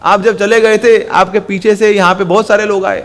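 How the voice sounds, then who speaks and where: A man's voice: high voice, steady tone, normal speed, natural voice. A man voicing an eager young adult son who breathlessly explains to his father. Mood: explaining.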